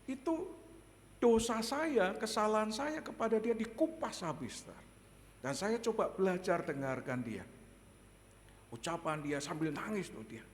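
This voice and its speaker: Male pastor, higher voice, lively storytelling sermon with frequent chuckles, church hall reverb. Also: unhurried. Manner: animated, chuckles often, addresses the congregation directly. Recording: echoey hall, faint background noise.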